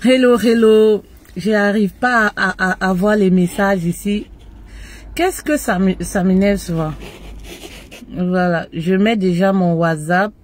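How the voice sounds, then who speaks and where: A woman's voice: medium pitch, takes it slowly, a little hiss or hum. A woman relationship coach chatting playfully on a casual live stream, often singing along to the music.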